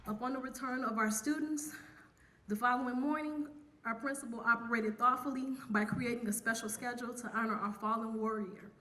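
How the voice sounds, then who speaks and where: A woman, an academic dean, giving a formal memorial tribute in a measured, solemn manner. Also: a little high, steady tone, bright, forceful tone. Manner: measured, solemn prepared reading.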